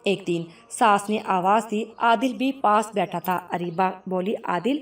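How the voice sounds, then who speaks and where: A woman narrating a moral story in an expressive, melodic storytelling manner. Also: mid-range voice, distant mic.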